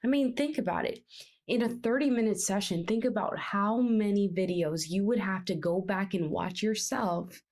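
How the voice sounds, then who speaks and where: Female co-host, animated and emphatic, midrange voice. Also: medium pitch, moderate pace. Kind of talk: opinion commentary.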